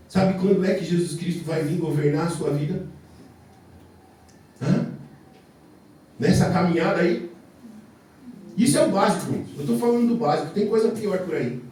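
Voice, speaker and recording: A man's voice: fairly high pitch, mellow. A Brazilian man preaching a fervent church sermon, emphatic, repeating phrases and throwing out rhetorical questions. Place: church service before a congregation. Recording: very echoey church hall, distant mic, faint noise.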